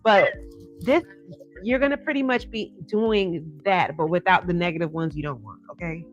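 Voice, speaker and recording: A woman's voice: on the low side, lively intonation, moderate pace. A woman hosting a live psychic hotline as a tarot card reader, talking in a conversational, encouraging and directive way. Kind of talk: psychic hotline patter and casual advice. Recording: dull lo-fi sound with music behind.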